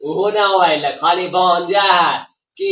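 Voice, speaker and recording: A man's voice: high voice, a little slow, sharp tone, echoey room. A man playing a teasing villager in a rustic comedy skit, speaking with a Magahi accent from Bihar. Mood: boastful, amused. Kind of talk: rural comedy skit dialogue.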